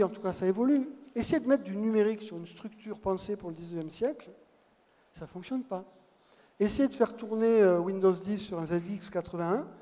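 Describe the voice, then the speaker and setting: High-voiced man lecturing in a hall. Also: mellow. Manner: storytelling with wry asides. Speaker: conference speaker. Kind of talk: public lecture. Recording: long hall reverb.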